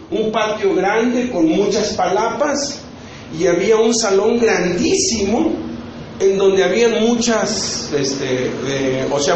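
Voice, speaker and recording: High-voiced preacher in an echoing hall. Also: male voice, a little mellow, a little hiss or hum. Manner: chatty storytelling with frequent "pues" and "¿no?" tag questions. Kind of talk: conference sermon testimony. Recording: very echoey hall, slightly dull sound.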